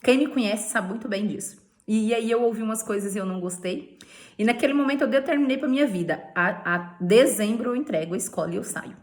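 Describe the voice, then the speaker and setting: A woman's voice: a little high, fairly quick, a little mellow. A Brazilian woman telling her sales career story in a playful way, laughing often and tagging lines with "né?". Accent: Brazilian Portuguese. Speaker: beauty sales director. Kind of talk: personal testimony vlog.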